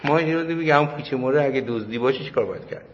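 A man giving a religious lecture to a class in a casual, conversational way, telling anecdotes and repeating his points for emphasis. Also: medium pitch. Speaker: cleric lecturer. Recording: muffled hall recording with faint noise.

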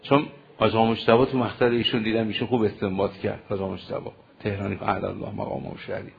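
A man leading a religious mourning sermon, speaking straight to the gathering and moving into slow chanted lament. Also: lowish voice, little pitch movement, gravelly, highs cut off. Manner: moves from spoken storytelling into slow chanted lament; addresses the gathering directly. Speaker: mourning preacher.

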